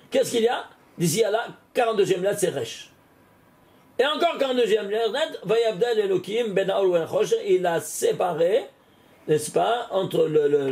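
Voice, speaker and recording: A man, a rabbi, giving an animated Torah lesson, often exclaiming and putting questions straight to the listener. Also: sits high. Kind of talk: lively spoken Torah lesson.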